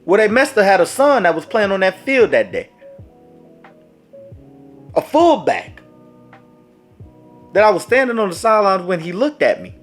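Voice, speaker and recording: This vlogger's voice is high, his pace moderate, and he pauses often. Speaking right to his viewers with dramatic animation, he relates a sports story in a casual storytime format, with music faintly in the background.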